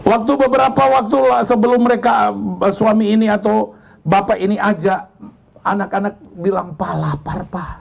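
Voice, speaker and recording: A male pastor telling a story in a sermon, animated and climbing higher as the tension builds. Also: brisk, vocal fry. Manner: animated, rising to high pitch when building tension. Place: church service.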